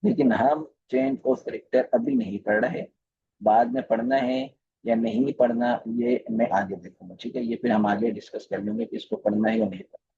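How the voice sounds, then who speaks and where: A man's voice: medium pitch, lively intonation, normal speed, gravelly, dark tone, dull audio, a little hiss or hum. A man teaching a recorded live class on chart reading, speaking with a flavour and often repeating phrases and putting questions to his students. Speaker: trading course teacher.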